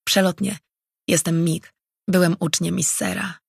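A sincere young former apprentice with short, plain replies, as an audiobook narrator reads him. The voice is very gravelly and husky, dry and close. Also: medium pitch, little pitch movement, measured pace, dry recording, exaggerated voice. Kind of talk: audiobook character reading.

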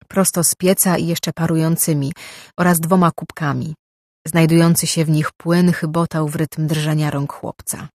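An audiobook narrator reading a novel with steady, measured scripted narration. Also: medium pitch, breathy edge, no room sound, studio quality.

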